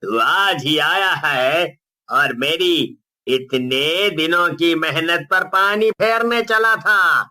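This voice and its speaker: A man's voice: on the high side, very slow, bright, forceful tone, full character voice. A man voicing a menacing male ghost who steals children, gloating and threatening in a cartoon story. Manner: gloating, threatening, mocking laughter. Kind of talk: cartoon voice acting.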